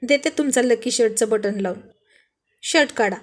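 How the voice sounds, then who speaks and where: A woman's voice: on the high side, normal speed, lightly acted. A woman reading as a shy, amused young wife. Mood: amused scolding. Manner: gently scolding, amused.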